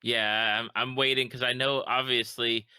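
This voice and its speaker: A male podcast host chats casually with a guest, asking questions conversationally and often stumbling into restarts. His medium-pitched voice is level, sharp and clean at a normal speed, in a dry recording.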